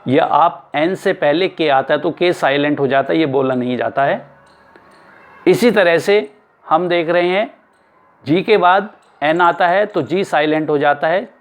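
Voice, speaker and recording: A male teacher giving an explanatory lesson, spelling words out letter by letter and repeating them slowly. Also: fairly high pitch. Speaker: English teacher.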